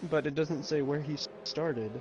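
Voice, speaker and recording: A man's voice: a little high, steady tone, normal speed, darkish tone, lo-fi sound, a little hiss or hum. A man co-commentating on an online sim race, explaining tire strategy in detail.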